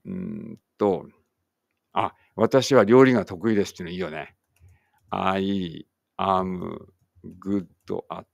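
A man's voice: lowish voice, vocal fry, a little mellow, no echo. A man teaching an online English writing lesson, thinking aloud as he types and chatting encouragingly to students.

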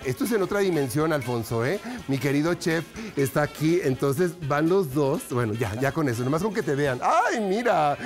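A man doing goofy, giggly stand-up on a TV show and laughing at his own jokes. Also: fairly high pitch. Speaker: comedian. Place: TV studio.

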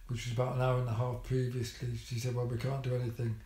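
A man's voice: medium pitch, monotone, quick pace, warm tone. An older man telling a story about his hospital visit in a casual vlog, with dry, wry humour and many ums and restarts. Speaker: vlogger. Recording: echoey room.

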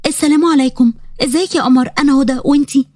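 A woman's voice: high-pitched, very fast, darkish tone, no room sound, clean studio sound, close to an everyday voice. A woman doing a shy Egyptian girl student. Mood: polite. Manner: polite, earnest, a bit flustered. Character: modest, shy young female student.

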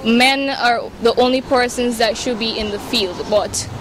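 Her pitch is fairly high and her intonation fairly even as she speaks at a measured pace over a noisy background. She's a twenty-year-old reporter and agronomy student from Guyana, standing outdoors by a building with a handheld mic. Firm and earnest, she gives a news report and responds to interview questions.

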